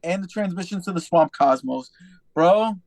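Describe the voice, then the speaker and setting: A man's voice: high voice, normal speed, dry recording. A young adult man telling stories in a casual, profane podcast chat. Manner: profane, animated storytelling. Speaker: podcast host.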